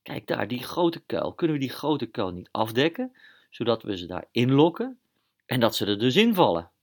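A man's voice: medium pitch, sing-song, normal speed. A man voicing a cheerful superhero mouse. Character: friendly heroic male superhero mouse.

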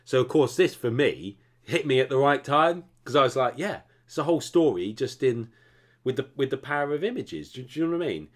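A man's voice: mid-range voice, expressive, a little fast. A man co-hosting a podcast, chatting loosely about films, rambling and often asking "you know what I mean?". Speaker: podcast co-host. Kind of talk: casual chat about films.

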